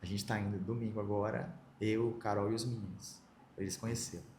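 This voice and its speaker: A man's voice: on the low side, fairly even intonation, fairly quick, darkish tone, echoey room, slight background noise. A middle-aged man from Brazil, sharing a personal story as a podcast guest, speaking with emotion and acting out the dialogue he recounts.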